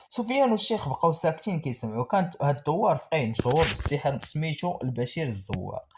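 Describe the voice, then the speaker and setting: Fast-paced Moroccan horror storyteller man. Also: a little high, darkish tone, slight background noise. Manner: dramatic, suspenseful.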